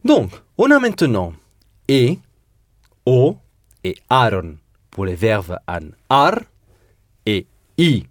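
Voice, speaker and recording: A man's voice: mid-range voice, wildly swooping pitch, slow pace, long pauses, no echo, studio quality. A man teaching a Spanish lesson in French, patiently drilling verb endings and repeating students' answers. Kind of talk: language lesson drilling conjugations.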